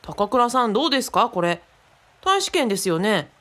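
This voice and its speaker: In conversational radio drama acting, a woman plays a friendly, knowledgeable adult companion, explaining casually and thinking aloud. Her voice is on the high side, sing-song and fairly bright, at normal speed.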